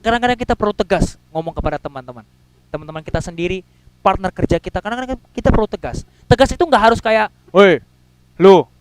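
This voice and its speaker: A man preaching in a high, smooth voice. He talks casually and slangily, jumping from loud bursts to quiet asides. The sound is dry and close. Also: fast, no echo, poor audio. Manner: casual slangy preaching with acted-out quotes and sudden loud and soft swings. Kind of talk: sermon.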